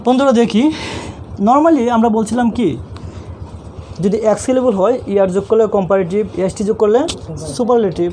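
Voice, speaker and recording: A male teacher with a Bangladeshi Bengali accent explains grammar rules in a mellow, warm voice. He keeps asking questions and answering them himself, patient and repetitive. Faint traffic noise hums in the background. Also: high-pitched, normal speed, pauses often. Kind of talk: online classroom lesson.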